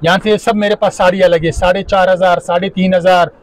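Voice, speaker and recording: Man, 30s, shopkeeper, high pitch, brisk repetitive price talk, lapel mic, clothing shop. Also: level tone. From Pakistan. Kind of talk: showing goods and quoting prices. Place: crowded clothing shop in a market.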